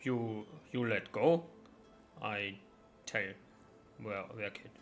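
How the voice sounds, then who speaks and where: A man voicing a big dim-witted, grudging ogre in a tabletop game, speaking in slow, halting broken sentences. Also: lowish voice, soft background music. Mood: stubborn, grumbling. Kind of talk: tabletop role-play character voice.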